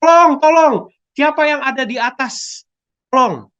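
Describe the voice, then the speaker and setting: A preacher puts on a panicked man stuck on a cliff, his voice jumping high and loud as he pleads for rescue. The sound is a bit dull and lo-fi. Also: animated, moderate pace. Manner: frantic pleading cries. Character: desperate man hanging from a cliff branch.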